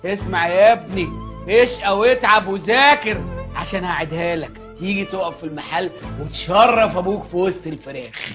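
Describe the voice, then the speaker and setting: A man's voice: high-pitched, fairly quick, music in the background, natural voice. A man playing a fussy Egyptian chicken-shop father. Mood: scolding. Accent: Egyptian Arabic. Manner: scolding, pleading and fretful. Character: pious, fussy male chicken-shop owner and anxious father. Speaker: comic lead in a TV comedy series. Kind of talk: sitcom comedy acting.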